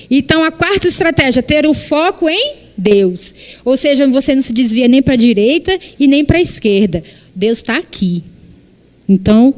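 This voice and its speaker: A woman in her thirties with a Brazilian Portuguese accent, preaching a church sermon and acting out quoted dialogue. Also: high-pitched. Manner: animated, acts out quoted dialogue.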